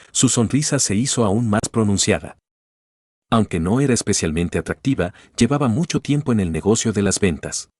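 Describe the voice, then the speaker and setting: A man narrating a light novel as an audiobook, in a steady, even reading. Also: fairly low pitch, husky, no room sound, clean studio sound.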